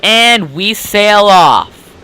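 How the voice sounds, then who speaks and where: A man's voice: high voice, animated, drawn-out words, sharp tone. A man giving casual let's play commentary, rambling and joking with lots of filler words. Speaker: gameplay commentator. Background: game music.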